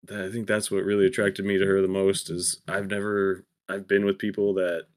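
A man's voice: sits low, level tone, brisk. A man co-hosting a podcast, talking casually in a laid-back, easygoing manner. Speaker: podcast co-host. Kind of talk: casual chat.

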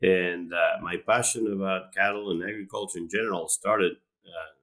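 Deep-voiced Argentine man, bright tone. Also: steady tone, normal speed, rough recording. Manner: hesitant, many restarts and fillers. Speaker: animal science professor, guest. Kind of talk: conversational interview.

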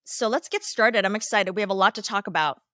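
A woman's voice: mid-range voice, fast talker, pushed and bright, no room sound, studio quality. A woman hosting a podcast, speaking in the manner of an introduction and interview. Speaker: podcast host.

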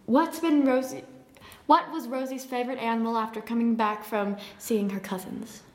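A woman's voice: on the high side, steady tone, moderate pace, darkish tone. A woman hosting a playful mock interview and quiz, giggling and singing little game-show jingles. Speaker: podcast host asking the questions.

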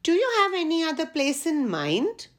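A woman's voice: sits high, very animated, normal speed, voice pushed up. A woman voicing a naughty, adventurous male Christmas elf in a children's story, playful and coaxing.

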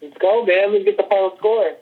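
A man's voice: high voice, steady tone, a little fast, husky. A man chatting casually about sports on a podcast, heard over a muffled, lo-fi connection. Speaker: podcast co-host or guest.

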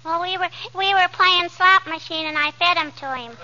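Squeaky, pestering little American girl. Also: normal speed, bright, forceful tone, heavily acted. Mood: cheeky, contrary. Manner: childish, contrary, singsong. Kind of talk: 1940s radio comedy acting. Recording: dull, faintly noisy vintage radio recording.

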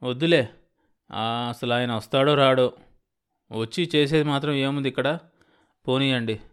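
A man's voice: mid-range voice, fairly even intonation, moderate pace, a bit bright, clean tone, lightly acted. A man voicing a grieving father who answers in weary, curt replies.

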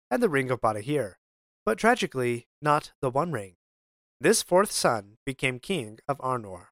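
A man with a slightly high voice narrates scripted lore as a podcast host. He explains things step by step and drops in wry asides. The sound is close and dry, with no room echo. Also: fairly bright tone.

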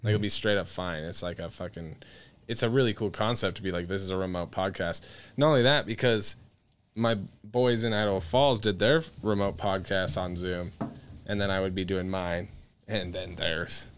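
A man's voice: low voice, steady tone, normal speed, a little hiss or hum. A man co-hosting a casual podcast, joking and talking in loose, profane slang. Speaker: podcast co-host.

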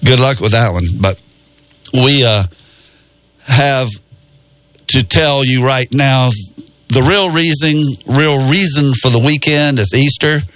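A man's voice: mid-range voice, a bit bright, no echo. A man hosting a radio show in a studio, talking in a folksy, rambling way. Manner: folksy, rambling with many pauses. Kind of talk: casual radio talk. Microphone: studio microphone.

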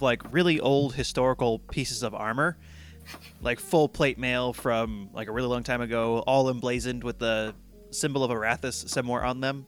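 A man narrating as game master in a tabletop game, with a relaxed, chatty way of talking. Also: medium pitch, smooth. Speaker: dungeon master.

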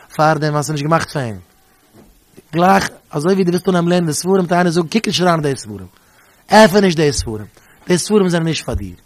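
A man telling stories in a sermon, animated and emphatic, often repeating his phrases. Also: a little high. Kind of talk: storytelling sermon.

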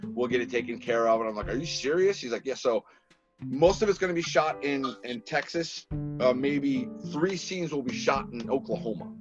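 This Boston-accented man from Massachusetts is a filmmaker appearing as a podcast guest, telling stories casually and animatedly acting out quoted dialogue. His voice sits at medium pitch and moves at a moderate pace. The recording is muffled, with music behind him.

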